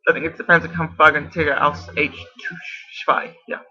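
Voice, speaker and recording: A man's voice: on the high side, level tone, normal speed, sharp tone, husky. A man in a casual video response, explaining at length, often correcting himself and unsure of details. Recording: dull lo-fi camera audio.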